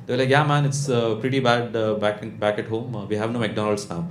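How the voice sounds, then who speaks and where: This comic from Bangalore, India, is in his thirties, has a lowish voice and a South Indian English accent. He works a live crowd in a small indoor comedy club, deadpan and conversational, pausing and capping lines with questions. Sound comes through a handheld-type mic on a stand, echoey, with audience noise and laughter.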